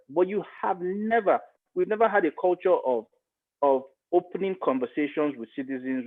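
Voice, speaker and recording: On a podcast, a man with a Nigerian accent and a medium-pitched voice explains things earnestly, repeating points for emphasis. The audio is muffled and sounds like it came through a phone.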